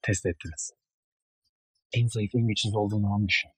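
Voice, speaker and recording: A grave, husky-voiced moralizer. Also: male voice, on the low side, no room sound. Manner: calm, measured, serious. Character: grave man lecturing about trust and love. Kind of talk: TV drama acting.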